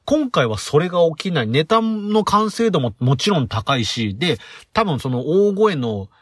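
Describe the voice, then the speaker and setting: A man hosting a casual solo podcast, talking in an animated, rambling way with lots of fillers. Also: on the high side, normal speed, slightly rough, no room sound, studio quality. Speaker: podcast host.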